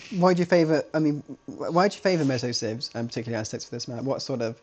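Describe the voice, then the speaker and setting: Male game caster, chatty, rambling, restarts his sentences a lot, mid-pitched voice. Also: steady tone, racing, darkish tone, a little hiss or hum. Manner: rambling, self-correcting, chatty. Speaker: esports caster. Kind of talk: live game commentary.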